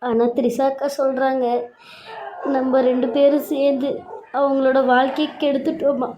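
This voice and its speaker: A woman voicing a gentle, tearful young wife in a cartoon serial, speaking in a soft, pleading way. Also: high-pitched, level tone, moderate pace, dull audio, noisy background, lightly acted. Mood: upset.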